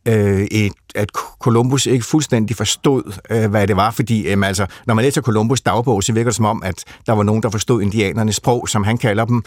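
Man, low voice, dry close sound, hesitant, thoughtful, many fillers, conversational explaining. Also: steady tone, few pauses, dry recording. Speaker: literature expert guest.

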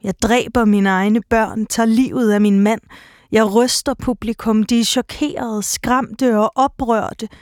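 A woman playing a proud, lonely actress and writer, delivering a slow, measured theatre monologue. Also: fairly high pitch, fairly even intonation, a little mellow, dry recording, clean studio sound, lightly acted. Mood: brooding.

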